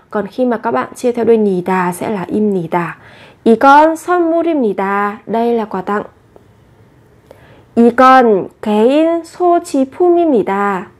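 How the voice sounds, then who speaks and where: A woman teaching a language lesson. She reads short model phrases briskly, then explains each one slowly and patiently. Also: on the high side, a little mellow.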